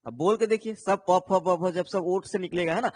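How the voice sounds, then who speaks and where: Speaking at normal speed in a high, slightly mellow voice, a man teaches exam preparation online. Patient in his explanations, he frequently tags sentences with "है ना", checks in with his viewers and answers their comments; the recording has no room sound.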